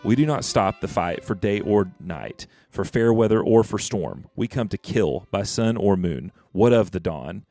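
Man reading taunting orc warriors from a fantasy book, deep and boastful. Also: expressive, moderate pace, hardly any pauses, warm tone, no echo, faint music behind. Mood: jeering. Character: jeering brutish orc warriors.

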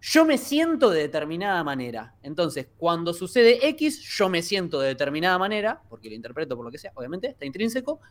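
An Argentine man with a Rioplatense accent co-hosts a relaxed podcast chat. His voice sits a touch high for a man, and he lays out his points patiently, one step at a time, like a teacher. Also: a little fast, few pauses. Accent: Argentine Rioplatense Spanish. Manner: didactic, explains step by step. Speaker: podcast co-host.

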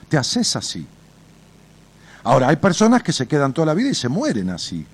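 A man's voice: on the high side, brisk, breathy edge. A man with an Argentine accent giving advice on a radio show, blunt and colloquial, telling folksy stories to a caller. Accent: Argentine Spanish. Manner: blunt and colloquial, swears freely; animated storyteller, addresses listener directly. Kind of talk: advice talk with storytelling.

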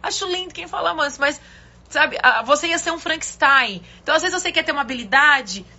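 A middle-aged woman pastor, giving a casual devotional talk in a loud, forceful way. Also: high-pitched, expressive, brisk, muffled recording. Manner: loud, forceful, talks with her hands.

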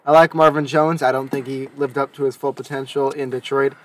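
A man's voice: mid-range voice, level tone, fairly quick, a little hiss or hum. A young man co-hosting a casual sports chat, talking with hesitations and self-corrections. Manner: hesitant, many fillers and restarts. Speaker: podcast co-host.

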